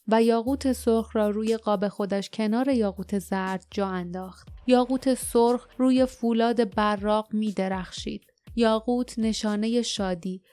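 A woman narrates an audiobook in a measured, even storytelling manner. Her voice is mid-range, with no room sound.

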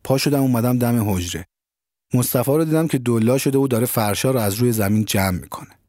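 A man narrating an audio story in a calm, measured storytelling manner, recorded close to the mic. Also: medium pitch, no echo.

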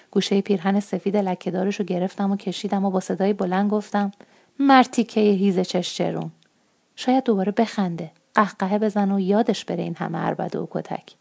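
A woman author reading her own first-person short story aloud in a slow, soft-spoken, intimate way. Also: mid-range voice, creaky.

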